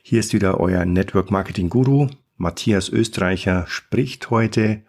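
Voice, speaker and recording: A man's voice: low-pitched, moderate pace, gravelly, a little mellow. A man hosting a podcast, talking in a casual, enthusiastic and rambling way, often restarting his sentences. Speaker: podcast host.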